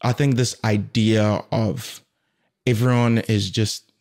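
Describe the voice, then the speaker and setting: A man hosting a casual podcast conversation, animated and rambling at times. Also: lowish voice, slow pace. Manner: animated, loses his train of thought. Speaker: podcast host.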